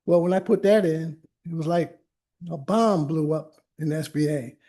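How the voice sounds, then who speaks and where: Older man, attorney, informal library lecture, high voice, warm and soft tone, rambling stories. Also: moderate pace. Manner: anecdotal, conversational, frequent restarts and asides. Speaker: attorney and workshop presenter. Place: library meeting room.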